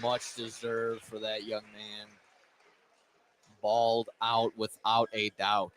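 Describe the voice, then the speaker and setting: A man does radio play-by-play for a live basketball game from an indoor gym during a tournament, with noisy gym ambience behind him. His voice is lowish, monotone, and slow.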